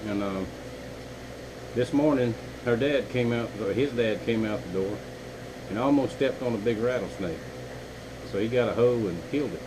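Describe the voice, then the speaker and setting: A man's voice: fairly low pitch, moderate pace, pauses often, background noise. A man, a knifemaker chatting casually and folksily to his viewers from his home workshop. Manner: rambling, folksy, talks to viewers as y'all. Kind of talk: casual vlog chat.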